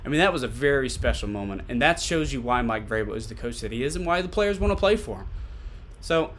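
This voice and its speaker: A man's voice: medium pitch, expressive, fast talker, a bit bright, slight background noise. A man giving casual solo sports commentary as a podcast host, conversational and repeating points for emphasis. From Tennessee, USA.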